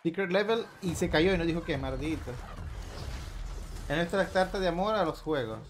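A man's voice: fairly high pitch, lively intonation, a little fast. A man streaming a live reaction, thinking aloud and swearing casually. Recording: show audio with crowd and music behind. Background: music and crowd noise.

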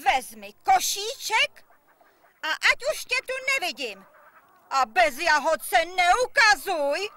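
A woman's voice: very high-pitched, big pitch swings, pushed and bright, heavily acted. A woman voicing a bossy, cruel stepmother in a Czech puppet play, with a scolding theatrical manner. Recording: noisy recording of a stage performance.

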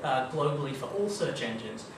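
A young Australian man speaks at normal speed with a medium pitch and lively intonation. As guest speaker at a marketing meetup, he gives a casual, chatty tech talk full of ums and kind-ofs in a dim meeting room with a projector screen. The far room camera yields an echoey, distant, noisy recording.

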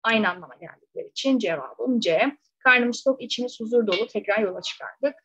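Her voice is a little high and fairly bright with a breathy edge, and she speaks fairly quickly. This woman teacher guides students through exam questions step by step, often checking with rhetorical questions. It's a dry, close and slightly dull recording.

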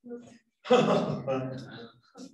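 Speaking very slowly and very animatedly at a medium pitch, a Chilean Spanish-accented man runs an English lesson in class, posing questions and drilling pronunciation. There's background noise, an echoey room, and a distant mic.

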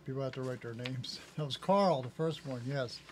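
A man's voice: medium pitch, normal speed, a little hiss or hum. An older man who owns a music store, recapping store events in a laid-back, matter-of-fact way. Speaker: music store owner, show host. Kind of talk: casual family chat on a shop show.

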